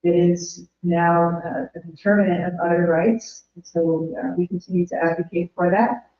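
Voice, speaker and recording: A woman giving an earnest, measured academic presentation, her voice going hoarse. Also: on the low side, steady tone. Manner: earnest, measured, rhetorical lists. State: losing her voice. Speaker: invited speaker. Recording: roomy, dull remote audio.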